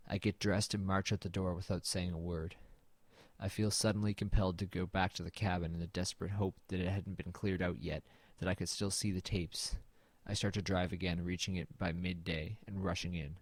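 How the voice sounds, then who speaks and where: Low and fairly even, this man's voice moves briskly as he plays a weary, haunted figure narrating his own horror story in a glum, understated way. It's scripted first-person audio drama, somber and resigned in tone, with no room sound.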